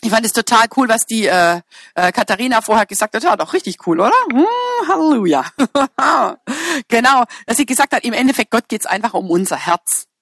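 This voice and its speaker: Lively, joking German woman preacher. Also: a little high, a little fast, no echo, studio quality. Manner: humorous, chatty, teasing the congregation; fillers and self-corrections. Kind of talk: sermon.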